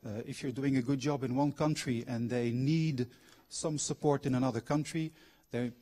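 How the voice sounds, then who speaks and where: A middle-aged Belgian man who grew up abroad, now a guest lecturer and formerly a factory manager and trained coach, gives a public talk in a university lecture hall. His voice is mid-range, dark and steady at a normal speed. He weaves in personal anecdotes and draws the audience in with questions.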